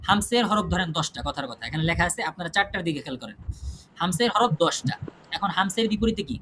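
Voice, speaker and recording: A man teaches an online tajweed class. He drills lists of terms through repetition and keeps asking his students questions. Clear background noise sits under his voice on the call. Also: high voice, animated, fast, bright, forceful tone. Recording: noisy online class audio.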